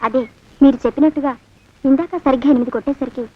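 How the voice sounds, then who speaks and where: Naive obedient young woman, innocent, high quick voice, dull film sound. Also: steady tone. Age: young adult. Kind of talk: film comedy acting.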